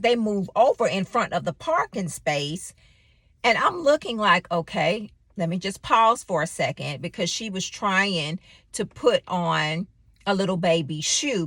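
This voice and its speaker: Woman for a faith vlog devotional, storyteller with a lively pitch and a bright, dry, close sound. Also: no echo. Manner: animated storytelling with exclamations. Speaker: faith vlogger. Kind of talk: devotional talk.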